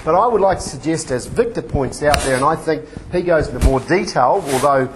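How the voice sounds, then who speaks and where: Halting male preacher, higher-pitched, noisy recording. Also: lively intonation. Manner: halting, discursive, self-correcting. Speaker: preacher giving a teaching. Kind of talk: sermon-like lecture with quotations read out. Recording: clearly noisy recording with clicks.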